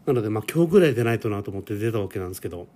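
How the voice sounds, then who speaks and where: A man's voice: fairly low pitch, lively intonation, very fast, mellow. A man in his forties hosting a casual solo podcast, rambling and self-deprecating with lots of fillers. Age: 40s. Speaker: podcast host. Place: home.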